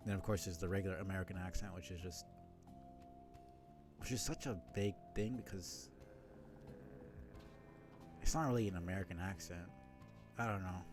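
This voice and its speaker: Low-voiced man rambling over a game. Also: moderate pace, pauses often, over music. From New York City. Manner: rambling, thinking aloud, many fillers. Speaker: streamer. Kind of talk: let's-play commentary.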